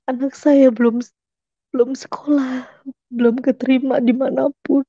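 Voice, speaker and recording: A woman's voice: high-pitched, level tone, measured pace, mellow, no room sound, lo-fi sound. A middle-aged mother giving a personal testimony, emotional and at times tearful as she retells her prayers.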